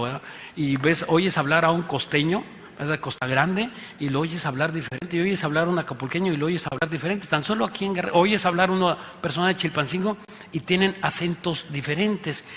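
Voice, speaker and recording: A man preaches with a Mexican accent in a church auditorium, his voice sitting a little high for a man. He talks like a conversation, tossing in tag questions and emphatic pleas. His voice carries a long reverb from the hall. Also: fairly bright tone, a little hiss or hum. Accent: Mexican Spanish. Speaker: pastor. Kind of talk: sermon.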